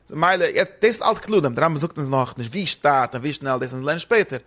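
Fast-talking man explaining a text. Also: fairly high pitch, lively intonation, a bit bright. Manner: rambling, fast, mixes German with Hebrew and English terms. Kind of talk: casual study discussion.

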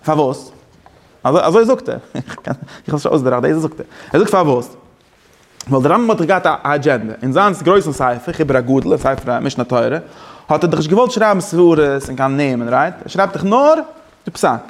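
A man's voice: fairly high pitch, lively intonation, moderate pace. Rambling man teaching Torah. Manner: rambling, self-correcting, mixes in English and Hebrew terms. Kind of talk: Yiddish-style Torah class.

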